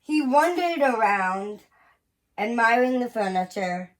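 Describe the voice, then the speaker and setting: A woman reading a children's picture book aloud in an expressive, deliberate storytelling manner with pauses. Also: on the high side. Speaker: museum educator reading aloud.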